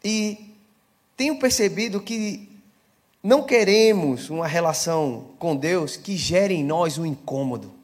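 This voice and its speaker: A man's voice: on the high side, animated, a little slow. A male pastor giving a live church sermon, talking conversationally, asking the congregation questions and building to emphatic preaching. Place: church service.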